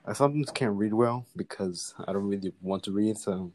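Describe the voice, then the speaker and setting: A man's voice: on the low side, brisk, darkish tone, low-quality recording. A young man co-hosting a casual podcast chat, stammering and swearing as he talks. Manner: stammering, swears, laughs often. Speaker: podcast co-host.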